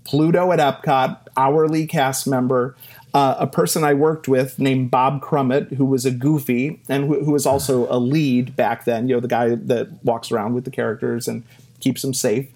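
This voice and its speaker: Middle-aged male interview guest, mid-pitched, animated storyteller who acts out quotes and laughs at himself. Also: moderate pace. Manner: animated anecdotes with self-deprecating laughs and acted-out quotes.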